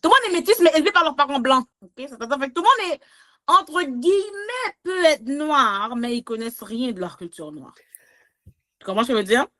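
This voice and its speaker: A woman from Quebec with a Québécois accent, chatting as a podcast guest and comedian, animated and laughing often with big swings in her voice. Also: sits high, brisk. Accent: Québécois French. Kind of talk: casual interview chat.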